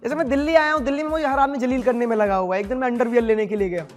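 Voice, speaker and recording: A man's voice: extremely high pitch, fairly even intonation, very fast, in a large hall, soft background music. A man doing a self-deprecating stand-up set on a comedy show stage.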